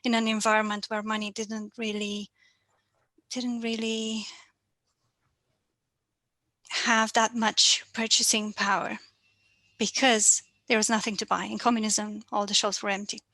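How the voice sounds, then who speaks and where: A woman in her thirties from Romania, speaking with a Romanian accent as a financial coach guest, measured and reflective, on a video call. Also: mid-range voice, little pitch movement, sharp tone, no room sound. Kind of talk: online interview.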